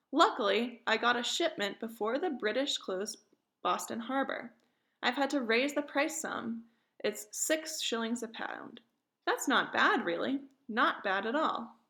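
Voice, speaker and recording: A woman's voice: on the high side, fairly bright tone. Woman reading as a greedy colonial merchant.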